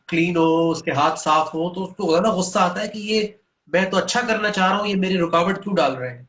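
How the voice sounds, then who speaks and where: Reciting short Arabic verses as he talks, a male guest speaker on religion explains Quranic teaching in an earnest, patient way. His voice sits high and a bit bright, with roomy sound.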